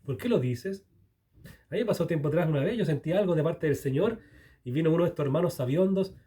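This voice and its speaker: A man's voice: a little high, fast, mellow. A man giving informal Bible teaching to camera, earnest and speaking straight to the listener.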